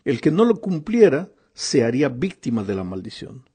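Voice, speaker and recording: A man giving a devotional Bible lesson, earnestly reading scripture passages slowly and speaking directly to the listener. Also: medium pitch, very animated, dark tone, slightly rough. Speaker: Bible study teacher.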